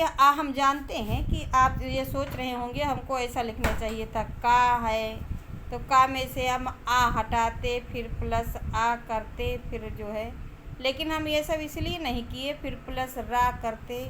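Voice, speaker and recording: High-voiced woman teacher explaining grammar. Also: a bit bright, a little hiss or hum. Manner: patient, repeats points with checking tags.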